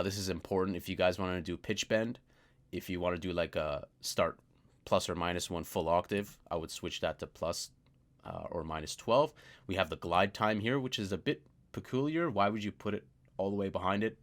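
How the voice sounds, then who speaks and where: Synth sounds play behind a man whose voice sits low as he walks through a synthesizer plugin at a moderate pace. He's a music producer reviewing it in a relaxed screen recording, thinking out loud with lots of fillers and trailing comments.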